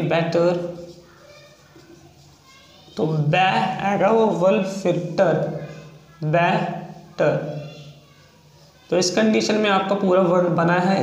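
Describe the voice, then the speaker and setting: A male shorthand teacher with a Hindi accent, explaining rules slowly and drawing out each example word. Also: high-pitched, roomy sound, poor audio. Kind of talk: slow explanatory lesson.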